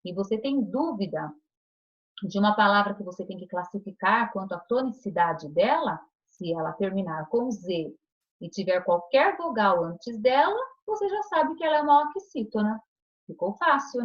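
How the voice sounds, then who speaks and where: A woman teaching a recorded online class to young children, patient and coaxing, checking in often with short questions. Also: fairly high pitch. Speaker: primary school teacher. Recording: dull lo-fi recording.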